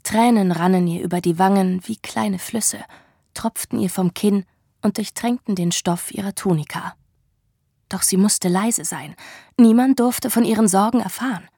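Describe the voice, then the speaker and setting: A woman narrating a dramatic story in a slow, hushed manner. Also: mid-range voice, creaky, slightly rough, no room sound, clean studio sound.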